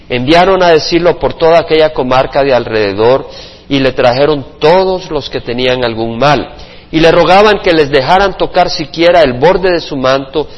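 A male pastor preaching a Bible study sermon to a congregation, expressive, with playful sound effects and acted quotes. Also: on the high side. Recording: muffled reverberant church recording.

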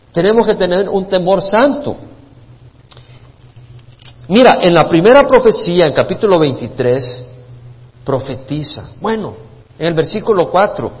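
A man's voice: on the high side, big-room sound, dull audio. A male pastor, preaching and retelling Bible stories emphatically. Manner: storytelling preacher, animated and emphatic. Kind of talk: sermon Bible teaching.

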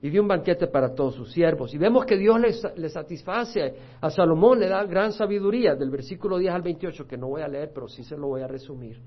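A pastor preaching a Bible study, his fairly high man's voice swinging from loud, excited retelling to quiet, earnest teaching. The recording is dull and lo-fi, with muffled highs. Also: a little fast, few pauses. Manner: animated storytelling, rising loud for quoted voices, dropping soft for teaching points.

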